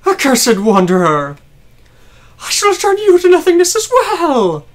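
A woman's voice: very high voice, huge pitch swings, unhurried, pitched above the performer's own voice, full character voice. A woman voicing a ranting, grandiose male villain pilot from a mecha game, declaiming threats theatrically. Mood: menacing.

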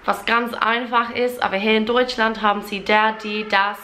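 A young Englishwoman learning German vlogs casually to a close-range camera, speaking it with an English accent and lots of fillers and restarts. Her voice is fairly high with little pitch movement at normal speed, and the background is noisy.

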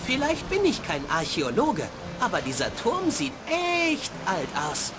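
A woman voicing a polite, naive young boy adventurer in a video game, innocent and expressive. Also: on the high side, measured pace, noisy background. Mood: relieved, musing.

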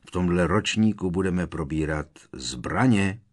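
A man's voice: low voice, expressive. A man voicing a big, hearty, creature-loving teacher in an audiobook. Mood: proud.

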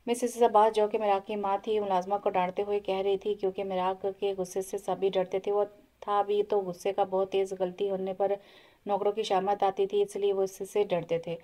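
A woman narrating an audio novel in a calm, steady storytelling voice. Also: mid-range voice, normal speed, poor audio.

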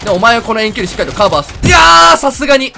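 Young man, game commentator, bright high voice, fast chatter, music behind. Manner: chatty, excitable, rapid and animated. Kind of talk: gameplay commentary.

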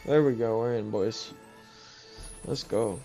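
A man casually comments on slot play for a livestream. He talks slowly in slangy bro-talk with swearing, his voice creaky and mid-pitched, with game music behind him. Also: mellow. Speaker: gambling livestreamer. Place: small indoor room.

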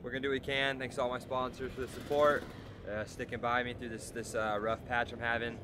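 A man's voice: mid-range voice, level tone, fast talker, background noise. A young man vlogging to a handheld camera in outdoor race pits, casual and slangy, weak and hurting. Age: young adult. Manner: casual, slangy, dejected after a crash. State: in pain and weak. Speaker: motocross racer and vlogger. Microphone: handheld camera at arm's length.

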